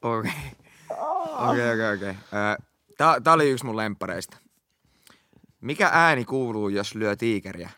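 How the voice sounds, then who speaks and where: Low-voiced young man, deadpan and crude. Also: long pauses, no echo. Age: young adult. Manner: casual, crude, deadpan punchlines. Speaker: podcast co-host. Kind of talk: casual chat trading bad jokes.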